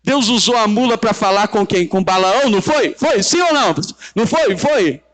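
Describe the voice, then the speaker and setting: A man's voice: high-pitched, lively intonation, normal speed, fairly bright tone. A man with a Brazilian Portuguese accent preaching a church sermon, emphatic and repetitive, drawing call-and-response from the congregation. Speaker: pastor.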